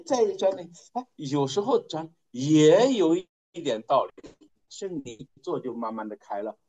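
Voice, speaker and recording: A man preaching a storytelling sermon, conversational and folksy, repeating phrases for emphasis and often letting his voice sink low and quiet at the end of a point. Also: rough recording.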